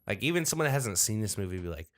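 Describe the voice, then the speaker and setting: Male podcast co-host, low smooth voice, rambling with fillers, dry recording. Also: big pitch swings, racing, dry recording. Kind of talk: casual chat.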